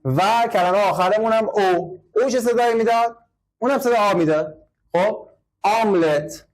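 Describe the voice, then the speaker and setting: A man teaching English to a class, explaining patiently, repeating words and quizzing his students. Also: high voice. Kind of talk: classroom lesson.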